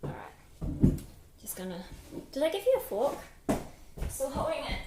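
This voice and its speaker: A woman's voice: sits high, sing-song, unhurried, reverberant, heavy background noise. A woman live-streaming from her home kitchen, chatting casually and greeting viewers by name.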